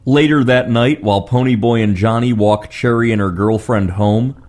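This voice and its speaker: A man's voice: medium pitch, normal speed, darkish tone. Male reviewer, mid-range voice, scripted narration of film synopses.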